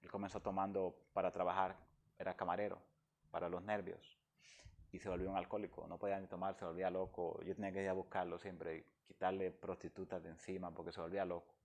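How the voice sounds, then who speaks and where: A man's voice: low-pitched, flat delivery, fast talker. A man from the Dominican Republic, speaking as a guest and giving an emotional personal testimony in an earnest, heartfelt way.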